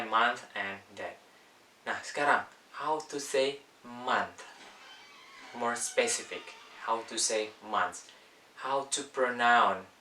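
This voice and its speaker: A man from Indonesia teaching an English lesson, saying words slowly one by one and mixing in English terms. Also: medium pitch, pushed and bright, echoey room, far from the mic, a little hiss or hum. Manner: slow, drawn-out word-by-word pronunciation drills. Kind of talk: casual spoken lesson.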